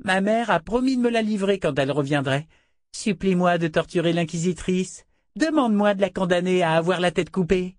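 A man voicing a cruel, taunting little princess, high and shrill. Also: a little fast, no echo, studio quality, natural voice. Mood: gloating. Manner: taunting, gloating.

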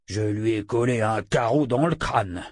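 A man playing a hulking border guard, gruff and terse, in a storybook reading. His words come slow and grumbling, in a darker, different timbre. The sound is dry and close. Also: on the low side, dry recording.

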